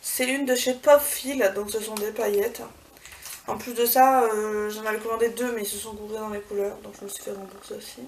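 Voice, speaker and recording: A woman with a medium-pitched, level, brisk voice vlogs a casual beauty haul, chatty and full of fillers and self-corrections. She's recorded far from the mic, with clear background noise.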